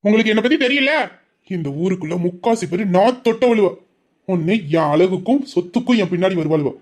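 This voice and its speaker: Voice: medium pitch, a little mellow, natural voice. A performer voicing a domineering, boastful young man with an obsessive streak, in an audio drama. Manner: boastful, menacing.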